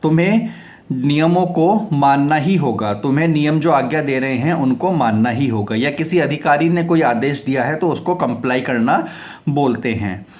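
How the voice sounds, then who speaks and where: A man with a medium-pitched, expressive, slightly mellow voice gives a vocabulary lesson in English. He explains each word, spells it out letter by letter, and repeats it several times, reading example sentences slowly.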